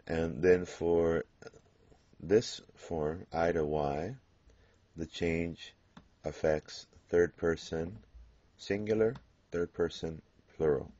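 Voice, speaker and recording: A man teaching a Spanish grammar lesson, explaining patiently and pausing on fillers as he works through examples. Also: sits low, fairly even intonation, mellow, no room sound. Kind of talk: classroom grammar lecture. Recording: dull lo-fi classroom recording.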